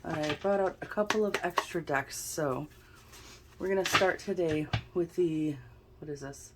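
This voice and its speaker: A channel host with a notably deep, low voice, a bit snuffly and stuffed-up, talks through a tarot card reading while thinking aloud. She speaks a little slowly in a relaxed, conversational tone, over heavy background noise.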